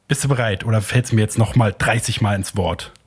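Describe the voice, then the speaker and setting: Husky man casually reading a children's book. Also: on the low side, steady tone, fairly quick. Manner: stumbles and corrects himself while reading. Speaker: reader.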